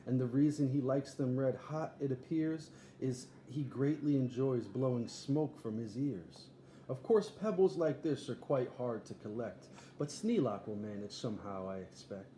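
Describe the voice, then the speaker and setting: In a storybook read-aloud, a man with a mid-range, dark, natural voice plays an eager, boastful boy showman, barking grandly like a ringmaster at normal speed. The mood is showy and proud. The room is echoey, with faint background noise.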